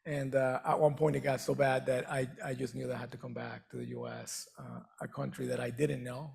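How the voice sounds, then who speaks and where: Gravelly middle-aged man, earnest stage talk. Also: mid-range voice, animated, darkish tone. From Venezuela. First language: Spanish. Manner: earnest, halting with repeated restarts. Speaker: guest speaker. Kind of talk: on-stage conversation.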